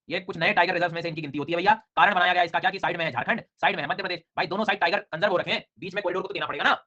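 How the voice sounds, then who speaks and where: A man teaching an online exam-prep class in speech, energetic and coaxing, with frequent repeated memory drills. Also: fairly high pitch, highs cut off.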